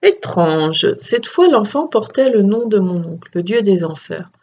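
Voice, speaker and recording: A woman's voice: mid-range voice, big pitch swings, measured pace, darkish tone, breathy edge, lo-fi sound, heavily acted. A curious young messenger god, as a woman puts him on. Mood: wondering.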